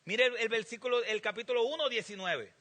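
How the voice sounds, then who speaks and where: A pastor preaching a sermon, asking the congregation emphatic rhetorical questions. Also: male voice, very high-pitched, fairly quick, sharp tone. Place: church sanctuary.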